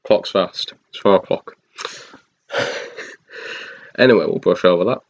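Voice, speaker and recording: A man with a very deep voice talks through a film review in a loose, rambling way, full of ums, restarts and little chuckles. The recording sounds dull and lo-fi. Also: measured pace. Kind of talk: casual spoken review.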